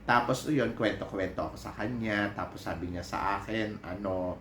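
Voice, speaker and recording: A man's voice: fairly low pitch, moderate pace, a bit bright, a little hiss or hum. A man vlogging in a casual, playful and gossipy way, his voice stuffy and nasal from a cold. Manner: playful, campy and gossipy, teasing asides. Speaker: vlogger and PE teacher. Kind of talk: casual chatty vlog. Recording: roomy echoey room with faint ambience.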